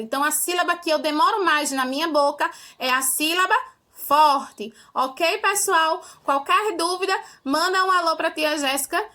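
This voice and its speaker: A woman's voice: very high voice, sharp tone. A young Brazilian woman teaching a remote primary school lesson, patient and step by step, often checking in with "tá?". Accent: Brazilian Portuguese. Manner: patient, explains step by step, ends phrases with "tá?".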